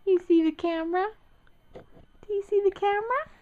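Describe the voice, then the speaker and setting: Young mom, sing-song baby talk, very high and bouncy, dull home-video sound. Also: female voice, normal speed, darkish tone. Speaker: parent.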